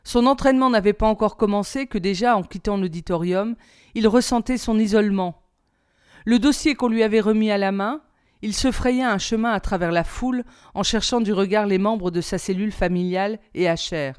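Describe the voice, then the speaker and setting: A woman, a teacher, reading a novel aloud in a calm, even storybook narration. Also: mid-range voice, brisk, clean tone.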